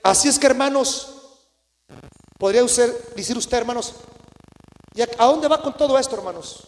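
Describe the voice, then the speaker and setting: A man with a very high voice preaches a fervent sermon. He rises to sudden cries, then drops to low asides to his brothers in the congregation. The church hall rings with a long echo around him. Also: normal speed. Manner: impassioned, swings between shouts and low asides, addresses "hermanos" often. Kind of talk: Pentecostal sermon. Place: church sanctuary.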